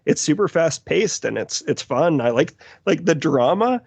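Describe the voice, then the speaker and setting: A man's voice: moderate pace, vocal fry, breathy edge, no room sound. A man co-hosting a podcast in loose, rambling casual chat, full of restarts and asides. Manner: rambling, animated, breaks into mocking high voices for quotes. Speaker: podcast co-host. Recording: dull, dry podcast mic.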